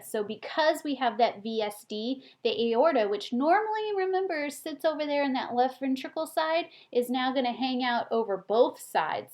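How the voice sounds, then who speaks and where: Woman nursing lecturer, casual animated teaching style with rhetorical questions. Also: on the high side. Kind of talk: recorded classroom lecture.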